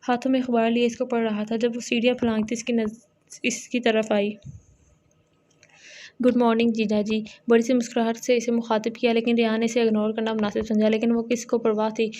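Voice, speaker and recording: Woman narrator for a romance audio novel, even tone, plain steady read. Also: on the high side, fast.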